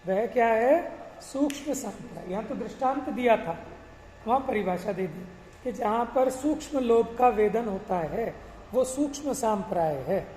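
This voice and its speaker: Male scripture teacher, mellow tone, chants verses slowly and poses questions; roomy hall, faint background hiss. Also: very high voice, expressive. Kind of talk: explanatory religious class lecture.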